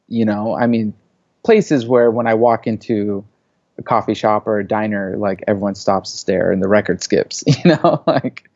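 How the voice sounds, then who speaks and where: With a lowish, dark-toned voice and vocal fry, a man in his thirties—Saudi-born, US-raised, working as a media creative—talks loosely as a casual interview guest, frequently saying "like" and "you know." The audio is dull, with no room sound.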